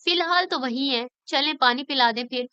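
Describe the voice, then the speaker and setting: A woman voicing a caring young man in an audiobook reading, speaking warmly and with a teasing edge. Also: sits high, normal speed, no echo. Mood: friendly. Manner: warm, teasing. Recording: slightly dull lo-fi recording.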